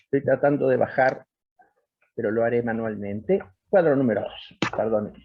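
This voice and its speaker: A man gives an academic lecture on linguistics and pauses to sound out example words. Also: mid-range voice, breathy edge, narrow, tinny audio.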